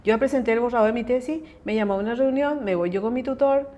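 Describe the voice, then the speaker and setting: A middle-aged woman hosting a conversation, telling a personal faith testimony in a lively way and often checking in with her listener. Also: fairly high pitch, quick pace. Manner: lively storyteller who acts out quoted dialogue; often asks listeners to confirm. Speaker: host sharing a personal testimony.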